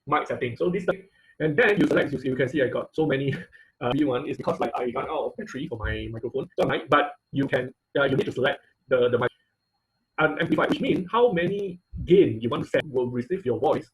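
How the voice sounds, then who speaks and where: An online class instructor gives an informal live technical lesson in a medium-pitched voice, speaking haltingly, repeating phrases, and frequently checking in with "okay" and "right." The audio quality is poor.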